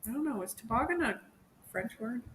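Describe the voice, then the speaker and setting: Bright-voiced easygoing livestream co-host. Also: mid-range voice, animated, fairly quick, slight background noise, poor audio. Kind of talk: casual livestream chat. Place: home in Mexico.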